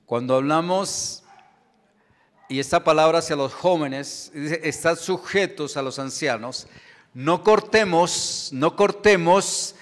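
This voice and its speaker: A middle-aged man preaching a sermon as pastor, with emphatic delivery and rhetorical questions to the congregation. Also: on the high side. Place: church sanctuary. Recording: long church hall reverb.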